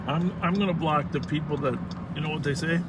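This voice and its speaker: Man, livestream host on the road, casual talk, slightly high voice, heavy vehicle noise behind him. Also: a little fast. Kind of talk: casual live patrol chat. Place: moving car on city streets. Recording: loud road and engine noise, distant mic. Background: traffic, vehicle noise, radio chatter.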